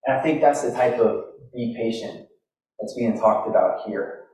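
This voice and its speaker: A middle-aged man preaching into a pulpit microphone, in a relaxed, conversational way with frequent restarts. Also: mid-range voice, normal speed. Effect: speaking into a pulpit microphone. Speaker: pastor. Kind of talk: sermon. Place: large church sanctuary. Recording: very echoey hall from far off, faint noise.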